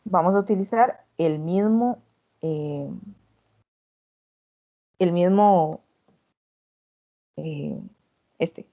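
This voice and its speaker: A woman teaching an online anatomy lesson, explaining step by step and demonstrating, with filler words and quick self-corrections. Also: lowish voice, dark tone, highs cut off.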